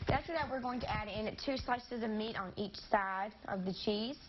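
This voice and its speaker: In slightly dull TV audio carrying faint noise, a teenage girl chats her way through a cooking demonstration as presenter of a kid cooking segment on a studio kitchen set. Her voice is mid-range and her pace moderate; she's upbeat but sometimes loses her words.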